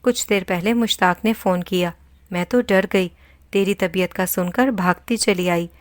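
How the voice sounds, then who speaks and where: A woman's voice: mid-range voice, no room sound, lightly acted. Woman reading as a tender elderly mother. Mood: soothing. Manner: soothing, affectionate.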